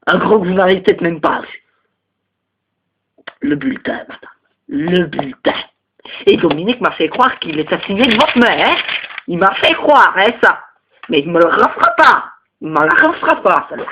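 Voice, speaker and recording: A man's voice: lively intonation, fairly quick, sharp tone, slight background noise, rough recording. A man playing a crude, huffy Belgian teacher. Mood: indignant. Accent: Belgian French. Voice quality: rambling, vulgar, swings to high indignant outbursts. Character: crude, touchy male teacher, single, lives with parents. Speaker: teacher at a parents' meeting. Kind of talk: comedic sketch monologue.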